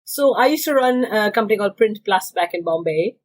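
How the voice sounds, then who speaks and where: A woman's voice: medium pitch, lively intonation, fairly quick, low-quality recording. A woman from India, a business owner, answering interview questions in a matter-of-fact way.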